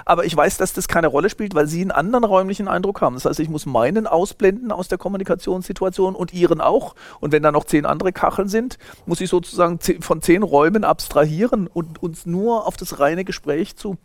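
The interviewee is a sociologist from Germany in his fifties who talks in a high-pitched voice at a quick pace, hardly pausing. His thoughtful explanations take a lecturing tone and are peppered with fillers and restarts, all captured in a dry recording.

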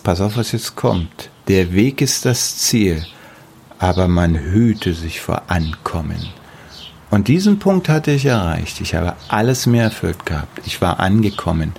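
A man's voice: low voice, gravelly, darkish tone, a little hiss or hum. A middle-aged man with a German accent, speaking casually and emphatically in an interview about the house he builds, often repeating words for stress. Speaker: artist building his house.

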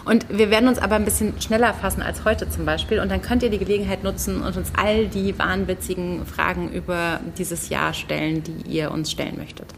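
A woman in her thirties co-hosts a book podcast in a lively, playful, chatty manner. Her voice sits a little low for a woman. Faint hiss lies behind her. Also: brisk, vocal fry, few pauses. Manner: lively, playful, warm-hearted. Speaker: podcast co-host. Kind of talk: casual literary chat.

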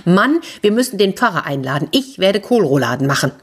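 A woman doing a shrill, jealous older sister. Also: sing-song, fairly quick, breathy edge. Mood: demanding.

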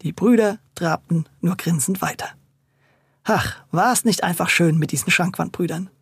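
A storyteller reading a scripted children's story in a lively, playful way. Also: medium pitch, normal speed, breathy edge, no echo.

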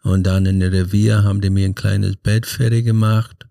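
Low, gravelly man from Scotland. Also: level tone, warm tone, no echo, clean studio sound. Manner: earnest, halting storytelling in non-native German. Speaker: podcast guest. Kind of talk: personal life story in an interview.

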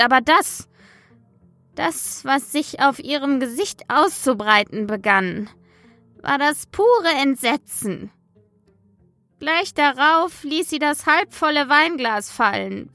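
Horror radio play: actress as frightened, snippy grandmother witness, bright high voice, deliberate dramatic telling. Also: no room sound, exaggerated voice. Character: frightened, snippy grandmother giving police testimony. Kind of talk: German audio horror drama acting.

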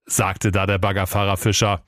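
A man's voice: deep voice, completely flat delivery, normal speed, fairly bright tone, no echo, clean studio sound. A man narrating a comic fairy-tale parody in a mock-solemn storytelling tone.

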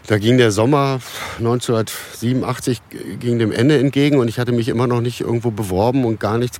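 A German man in his fifties sits as a guest on a casual podcast. His voice is mid-pitched. He tells long anecdotes in a loose, meandering way, often restarting his sentences. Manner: relaxed storytelling with many restarts and fillers. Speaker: musician guest.

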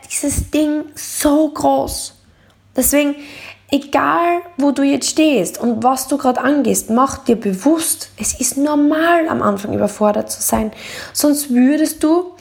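A woman hosting a motivational coaching podcast, speaking earnestly and straight to the listener, and sometimes dramatizing worries in quick, heightened bursts. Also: high-pitched, creaky. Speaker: podcast host.

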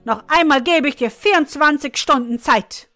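A proud, hot-tempered duke roars and threatens in a raised, loud voice, as a woman reading the tale puts him on. He sounds high and forceful, with soft music faintly behind. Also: lively intonation, measured pace, no room sound. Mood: furious. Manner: shouting threats, blustering.

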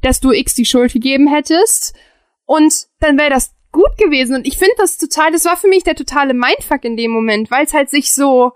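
A high-pitched woman, chatting animatedly on a podcast about games. She speaks in quick, emphatic bursts with frequent restarts. The sound is dry and close to the mic. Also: lively intonation, no room sound. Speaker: podcast co-host. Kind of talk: casual chat about video games.

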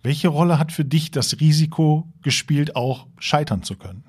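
A man hosting a podcast interview, asking clear, measured questions. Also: on the high side, a little mellow. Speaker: podcast host.

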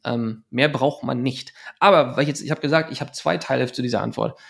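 A German man in his thirties speaks at a middle pitch with a gravelly, creaky edge. He rambles quickly through his answer and keeps restarting his sentences with fillers. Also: a bit bright. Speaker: guest. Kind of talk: casual podcast interview.

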